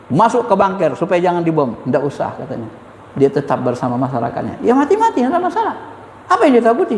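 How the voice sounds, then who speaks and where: A man giving an informal Islamic spiritual lecture, emphatic and animated, repeating key words and addressing his listeners directly. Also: high voice. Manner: addresses listeners as "Pak", chuckles. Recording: echoey hall with faint ambience.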